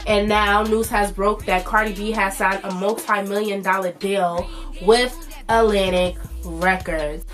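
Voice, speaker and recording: A woman's voice: medium pitch, steady tone, unhurried, fairly bright tone, faint music behind. A woman in her twenties with a stuffy, nasal voice, chatting loosely as a vlog host with plenty of fillers. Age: 20s. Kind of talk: casual commentary.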